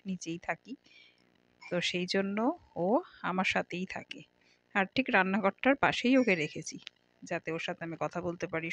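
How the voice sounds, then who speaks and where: A middle-aged woman vlogger chats casually with her viewers in a home vlog while doing kitchen chores, addressing them directly in a homely, chatty way. Her voice is lowish and a bit bright.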